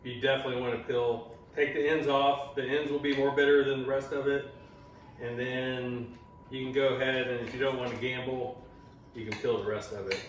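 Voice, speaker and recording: Dad showing a recipe at home, talks easy and jokey, sounds far off in a boomy room. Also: male voice, level tone, moderate pace. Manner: chatty, explanatory, teasing. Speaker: home cook and channel host, a father. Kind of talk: casual cooking demonstration. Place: home kitchen. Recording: echoey room, mic far off, faint noise.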